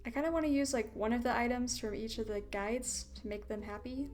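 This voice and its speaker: Woman gamer narrating a visual novel casually; soft, a bit high, music faint behind. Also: fairly quick. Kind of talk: casual playthrough commentary.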